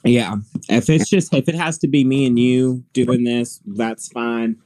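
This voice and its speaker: A man's voice: medium pitch, fairly even intonation, measured pace, a little mellow, dry recording. A man co-hosting a live weather stream, rambling and laughing often in casual on-air chat.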